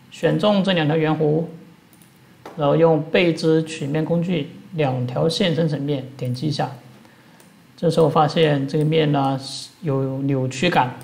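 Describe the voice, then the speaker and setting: A man's voice: on the high side, vocal fry. A man teaching step by step over a screen recording, explaining each action plainly as he works at a computer. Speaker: instructor. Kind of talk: screen-recorded software tutorial.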